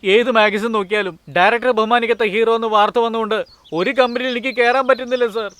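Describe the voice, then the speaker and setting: A man playing a washed-up male film hero who pleads for work in a dubbed film, with a clear voice. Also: very high voice, steady tone, fast, fairly bright tone, no room sound. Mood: pleading.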